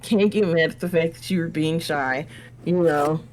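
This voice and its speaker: A woman's voice: low voice, normal speed, a little mellow, rough recording. A woman co-hosting a casual review chat, telling stories in a chatty way and laughing often. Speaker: podcast co-host.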